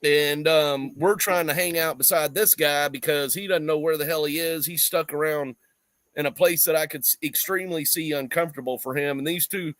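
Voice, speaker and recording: Dude telling a funny story on a podcast, kinda high voice, dry close mic. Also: male voice, normal speed, no echo. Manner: animated storyteller, laughs often, mimics voices. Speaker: podcast co-host. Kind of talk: casual storytelling chat.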